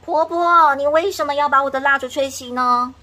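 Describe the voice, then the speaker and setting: Woman reading to a child as an earnest high-pitched little boy. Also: moderate pace, bright, forceful tone. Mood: curious.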